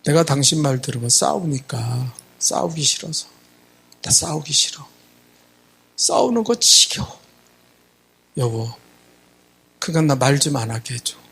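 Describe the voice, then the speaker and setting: A man's voice: mid-range voice, expressive, measured pace, gravelly, long pauses, a bit bright, husky, voice pushed down, exaggerated voice. A man doing a fed-up weary wife. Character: fed-up wife, middle-aged woman, tired of fighting.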